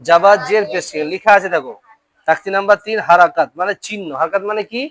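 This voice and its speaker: In a classroom with a board, a teacher runs a Quran reading lesson, sounding out letters and syllables and regularly asking students if they'll remember them. The voice is mid-pitched, quick, and fairly bright as the syllables are drilled aloud.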